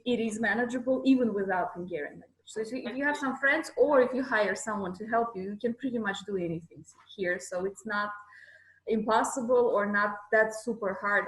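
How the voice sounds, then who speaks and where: A woman's voice: mid-range voice, a bit bright, reverberant, rough recording. Female interview guest from Kyrgyzstan, plain candid delivery over a video call. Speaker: guest, shop owner.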